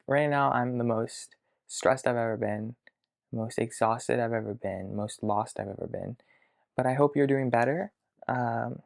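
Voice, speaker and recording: A man of about twenty talking to his future self in a video diary from his childhood bedroom, hesitant and reflective, pausing to think aloud. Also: medium pitch, creaky, darkish tone. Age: around 20. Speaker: vlogger.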